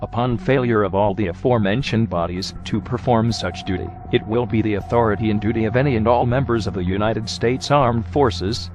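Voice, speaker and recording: A man with a disguised, artificially deepened voice reads out a formal warning statement in a stern, measured, legalistic manner. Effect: disguised, digitally deepened voice. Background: music.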